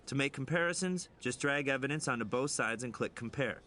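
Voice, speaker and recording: Bright, cocky American lab tech. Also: male voice, mid-range voice, animated, a little fast, slight background noise. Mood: breezy, welcoming. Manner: breezy, wisecracking. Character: cocky, friendly young male lab tech. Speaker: crime lab technician character. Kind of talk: scripted video game dialogue.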